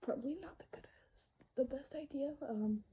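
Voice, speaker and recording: Recorded on a phone at home with dull audio, this woman talks at normal speed in a high voice. She's a voice actor improvising a listener role-play story, full of fillers and rambling, now and then lowering to a whisper.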